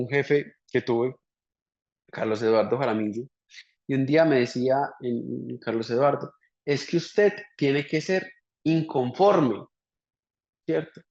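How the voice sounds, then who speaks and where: A man's voice: medium pitch, a little mellow. A man lecturing entrepreneurs on business strategy, firing off rhetorical questions and tagging his points with "right?". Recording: dull lo-fi recording.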